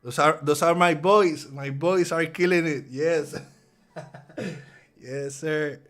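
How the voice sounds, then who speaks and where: A man's voice: a little high, slow pace, fairly bright tone, soft background music. A man from Puerto Rico with a Puerto Rican accent, giving casual live trading commentary and often repeating words as he thinks aloud. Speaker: trader hosting a live trading stream.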